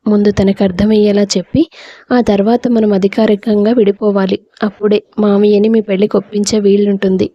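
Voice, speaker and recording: A woman voicing a gruff but gentle-hearted young village man in a storybook reading, speaking bluntly and with quiet resignation. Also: medium pitch, level tone, a little fast, dull audio, natural voice. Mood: plain,subdued.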